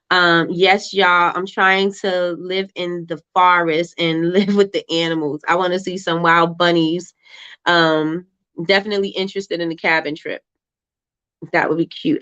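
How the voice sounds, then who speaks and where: A woman's voice: lowish voice, a bit bright, clear, resonant tone. A woman from Brooklyn with a Brooklyn accent, hosting a casual livestream chat in an informal, slangy way as she reads out and answers comments. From Brooklyn, New York. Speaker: livestream host. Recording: dull, lo-fi livestream audio.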